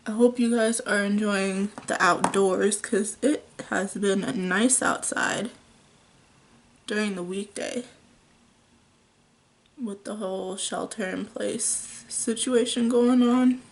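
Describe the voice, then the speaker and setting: A young woman at home, chatting through a makeup tutorial in a casual, unhurried way with frequent ums. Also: medium pitch. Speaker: beauty vlogger.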